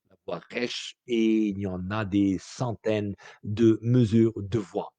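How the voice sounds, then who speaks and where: A man's voice: on the low side, steady tone, slow, dark tone, no echo. A man from Morocco, giving a spoken lecture as a teacher in an explanatory way with frequent hesitations.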